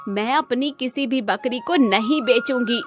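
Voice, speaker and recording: A woman's voice: a little high, measured pace, faint music behind, voice pushed down, lightly acted. A woman voicing a stubborn, loving old grandmother, scolding and grieving in a cartoon story. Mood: stern. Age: over 60.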